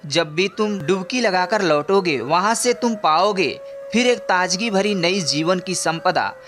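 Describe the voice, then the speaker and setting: A man voicing a wise old male guru in a storybook, gentle and patient, teaching in a measured way. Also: high voice, faint music behind. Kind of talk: scripted storybook narration.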